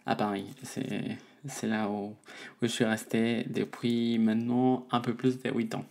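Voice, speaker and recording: A woman, a musician answering interview questions in a halting way, searching for her words. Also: very deep voice, level tone, dark tone. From Mexico. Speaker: guest, musician.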